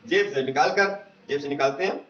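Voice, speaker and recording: A man's voice: a little high, brisk, fairly bright tone. A male teacher giving a literature lesson in an online class. He reads a play aloud and explains the meanings of words. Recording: echoey room, dull lo-fi sound.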